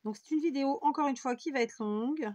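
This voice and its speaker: A woman's voice: high-pitched, fast talker, a little mellow, a little hiss or hum. Chatty French woman doing a craft tutorial. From France. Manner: rambling and self-mocking, talks while working. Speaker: scrapbooking video host.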